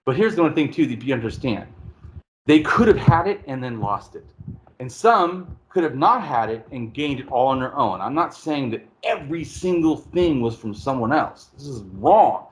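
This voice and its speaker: A man hosting a casual conversation, explaining at length in a rambling, animated way and swearing freely. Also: medium pitch, normal speed. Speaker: podcast host.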